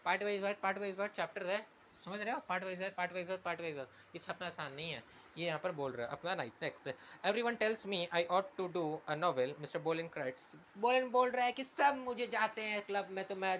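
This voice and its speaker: A male teacher reading an English story slowly and explaining it casually in Hindi, with lots of repetition. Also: high voice, sharp tone, slight background noise.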